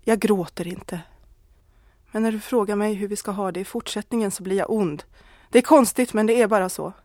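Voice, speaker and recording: A woman's voice: medium pitch, mellow, no echo, close to an everyday voice. A woman voicing a married woman who confesses a love affair, earnest and pleading, close to tears. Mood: torn.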